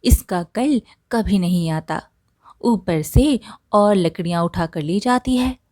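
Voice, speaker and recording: Scornful, grumbling storybook wife, read by a woman; slow, close and dry. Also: lowish voice, lively intonation, mellow, no echo. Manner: complaining, scornful. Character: grumbling, sharp-tongued woodcutter's wife.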